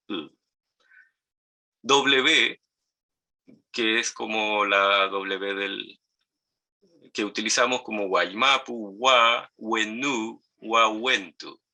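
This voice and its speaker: A man with a Chilean Spanish accent teaching a language lesson, patiently repeating and modeling each word slowly. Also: lowish voice, vocal fry, sharp tone, low-quality recording. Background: dogs barking nearby.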